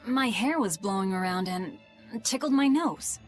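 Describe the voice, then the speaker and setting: A woman voices a blunt, serious young woman in a video game, mid-pitched and matter-of-fact. Game music plays behind her. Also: expressive, measured pace, natural voice. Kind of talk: game voice acting.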